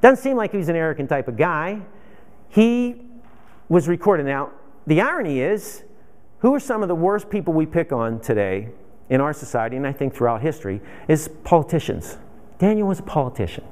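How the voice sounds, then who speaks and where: A man's voice: fairly high pitch, big pitch swings, brisk, darkish tone. A man teaching a men's Bible study in an informal, conversational way, asking rhetorical questions and acting out the voices from the scripture.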